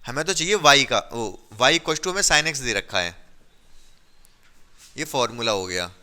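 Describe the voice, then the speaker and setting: Bright, clear-voiced male maths teacher. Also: medium pitch, animated, unhurried. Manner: asks students questions, writes while talking. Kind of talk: classroom lesson explaining at a board.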